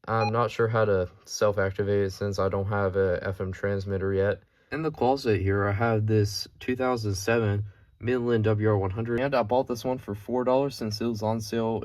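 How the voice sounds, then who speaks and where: This host's voice sits on the low side and sounds a little mellow. He narrates his weather radio collection loosely and unscripted, show-and-tell style.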